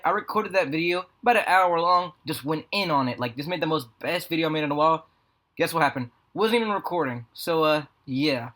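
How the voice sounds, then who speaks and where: Fast, higher-voiced American guy rambling. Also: fairly bright tone. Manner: rambling, slangy, profane. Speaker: video creator. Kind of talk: casual storytelling vlog. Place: apartment room with a fan running. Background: fan hum.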